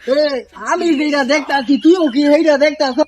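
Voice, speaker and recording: A man's voice: very high-pitched, normal speed, a little mellow. A man playing a muddled, belligerent drunk in a comedy skit, rambling with a Bangladeshi accent. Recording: music behind the voice.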